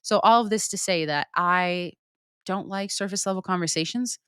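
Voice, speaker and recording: A young woman hosts a podcast answering listener questions, her mid-range voice a bit bright and clean at normal speed, in clean studio sound with no echo. The monologue is casual and candid, unfiltered, with casual swearing.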